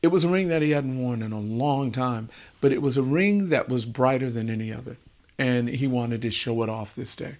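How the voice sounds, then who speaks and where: Guy telling a folk tale slow and easy, repeats stuff for effect. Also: mid-range voice, darkish tone. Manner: unhurried, repeats words for effect. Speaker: storyteller. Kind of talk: oral wisdom tale telling.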